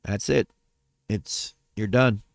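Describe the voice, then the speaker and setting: A man's voice: on the low side, slow pace, gravelly, no room sound. A man talking casually in a personal vlog update, rambling, trailing off and correcting himself as he goes. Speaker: vlogger.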